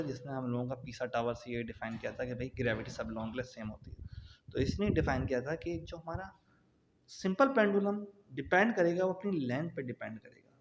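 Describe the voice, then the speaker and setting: A man giving a classroom physics lecture, explaining step by step with everyday examples. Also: mid-range voice. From Pakistan. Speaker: physics teacher. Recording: dull lo-fi sound with faint noise.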